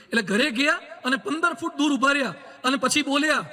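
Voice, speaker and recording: A man preaching a sermon to a gathering, telling stories and acting out the voices in them, with slow emphatic lines. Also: very high voice, bright, forceful tone. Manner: storytelling with acted quotes, slow emphatic English lines. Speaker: monk preacher. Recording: long hall reverb.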